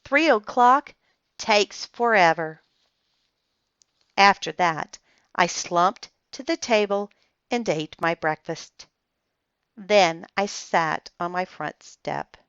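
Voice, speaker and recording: A woman reading a children's book aloud in an expressive storytelling manner, on a slightly muffled dry recording. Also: lowish voice, slow, clean tone, dry recording. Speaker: storybook reader.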